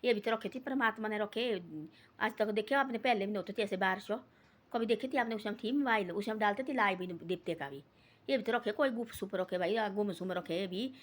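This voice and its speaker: A woman's voice: medium pitch, fairly quick. Older woman, rambling village storyteller, repeats herself, scolds in asides.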